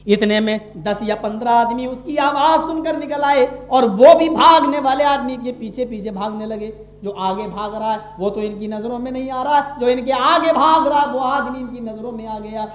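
A male preacher delivering an impassioned sermon, switching between quiet asides and loud, drawn-out recitations. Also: very high-pitched, highs cut off. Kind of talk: Urdu sermon. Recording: echoey room.

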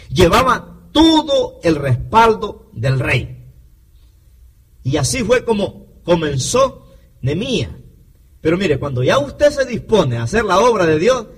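A man preaching a sermon with a fairly high, husky voice. His pitch swings widely as he reads scripture and speaks straight to the congregation. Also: poor audio. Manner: expressive preaching, addressing listeners as brothers.

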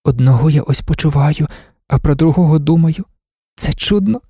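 A man's voice: fairly high pitch, moderate pace, warm tone, slightly rough, no echo, studio quality, voice pushed up. A man putting on a dreamy young woman in love. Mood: tender wistful. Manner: eager, breathless, tender. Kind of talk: audiobook reading.

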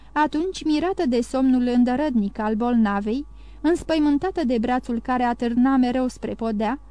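A woman narrating a classic novel as an audiobook, reading in a measured, even way. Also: fairly high pitch, dry recording. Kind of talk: scripted narration.

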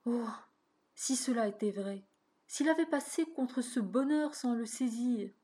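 A woman narrating a classic short story in a measured, expressive reading. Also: a little high.

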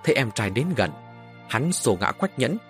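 A man narrating a dramatic story with an expressive, lively delivery. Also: medium pitch, normal speed. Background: faint music.

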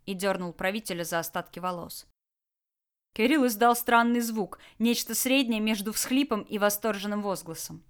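A woman narrating an action audiobook with a lively, dramatic delivery. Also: mid-range voice, normal speed. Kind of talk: expressive scripted narration.

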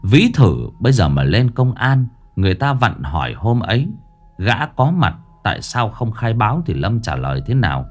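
A man narrating a ghost story in an expressive, dramatic way. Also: lowish voice, moderate pace.

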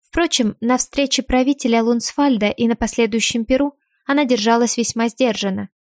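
A woman narrating a novel in the first person, in an even, measured way. Her voice sits fairly high. It is recorded dry and close. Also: no room sound. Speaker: audiobook narrator.

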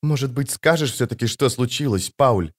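A man voicing a calm, worried mother in an audiobook, speaking softly and soothingly. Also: medium pitch, normal speed, lightly acted. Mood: gentle, worried. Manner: soft, soothing. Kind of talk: audiobook character voice.

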